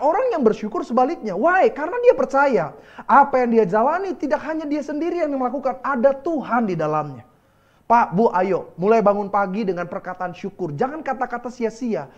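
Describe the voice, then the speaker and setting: A man's voice: high-pitched, muffled recording. A male pastor with an Indonesian accent preaching a sermon, telling stories and laughing as he goes. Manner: lively preaching with storytelling and laughter.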